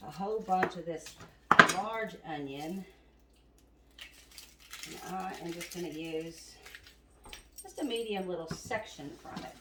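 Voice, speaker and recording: This woman's lowish voice comes through a very noisy recording as she demonstrates a recipe at home, a little out of breath. A chatty cooking host who says "y'all" to viewers, she's surrounded by chopping and clattering dishes in a roomy kitchen.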